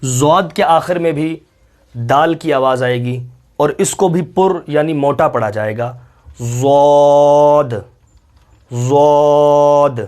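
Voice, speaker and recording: A man with a fairly high voice gives a slow, step-by-step recitation lesson. He patiently stretches out each letter sound and repeats it for the learner. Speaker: Quran reading teacher.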